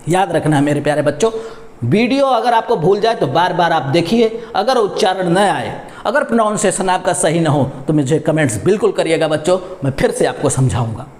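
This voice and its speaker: A man with a fairly high voice teaches pronunciation patiently, drilling syllables one by one and putting questions to his students. He calls them his dear children. The room around him is echoey. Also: expressive, brisk, a little mellow. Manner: patient, repeats syllables and asks questions to the class; addresses viewers as "my dear children". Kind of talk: Hindi pronunciation lesson.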